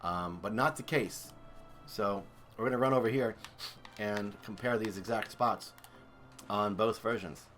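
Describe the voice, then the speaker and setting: A man's voice: on the low side, unhurried, pauses often, fairly bright tone, faint music behind. Chatty man commentating gameplay. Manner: chatty, enthusiastic, thinks aloud. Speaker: game streamer.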